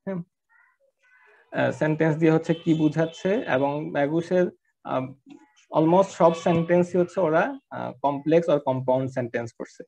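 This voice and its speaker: A man's voice: a little high, a little fast, gravelly, pauses often, dark tone, slight background noise. A man teaching an online class, talking conversationally with many fillers and English words mixed in. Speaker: course instructor. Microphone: online class audio.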